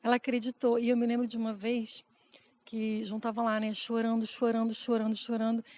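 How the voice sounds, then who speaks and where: A woman co-hosting a casual podcast chat, telling family stories in a lively, animated way. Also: a little high, fairly quick. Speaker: podcast co-host.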